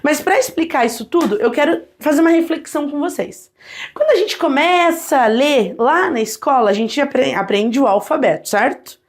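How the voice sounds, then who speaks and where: A woman's voice: sits high, moderate pace. A woman teaching a Portuguese grammar lesson, talking straight to viewers and sounding out vowels and consonants for them to repeat. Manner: lively, addresses viewers directly, models sounds aloud.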